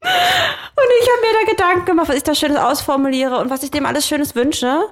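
Lively woman telling dating stories. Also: high voice, fairly quick. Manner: animated storyteller, laughs often, mixes in English phrases. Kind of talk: casual chat.

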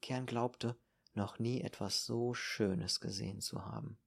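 A man reading an audiobook in a calm, measured narration. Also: lowish voice, gravelly, breathy edge. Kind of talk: scripted narration.

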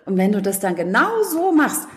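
A woman's voice: mid-range voice, sing-song, normal speed, pitched above the performer's own voice, natural voice. A woman briefly voicing an experienced psychotherapist who speaks in a casual, offhand way. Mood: breezy.

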